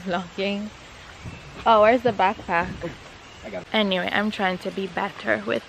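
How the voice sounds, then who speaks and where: Slow-talking young woman vlogging. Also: medium pitch, creaky, heavy background noise. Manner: chatty, laughing, talking to her dogs. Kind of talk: casual vlog chat. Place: lakeside cottage, indoors and outdoors. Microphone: handheld camera at arm's length. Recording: music playing underneath.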